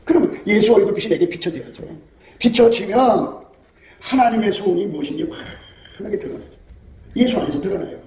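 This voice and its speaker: A man delivers a rapid-fire sermon in a high, mellow yet gravelly voice. He presses his listeners with rhetorical questions and laughs often between points. The sound carries the echo of a reverberant room. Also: expressive. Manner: emphatic, prodding listeners with rhetorical "eh?"; laughs often while preaching. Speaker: preacher.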